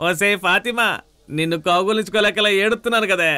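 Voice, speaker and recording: An actor playing a loud, brash friend who mocks and jokes and wants to drink. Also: male voice, high-pitched, fairly quick, clean tone. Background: film score music.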